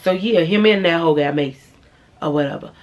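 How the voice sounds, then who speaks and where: A woman's voice: on the low side, normal speed, darkish tone. A young woman vlogger telling a dramatic personal story to her viewers, blunt and profane, speaking straight to camera. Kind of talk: storytime vlog.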